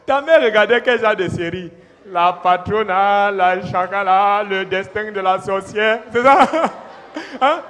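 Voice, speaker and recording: A man playing a blunt, mocking male primary school teacher with a Cameroonian French accent, loud and teasing, calling pupils by name. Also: sits high, a little slow, slight background noise. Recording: live stand-up stage, long hall reverb.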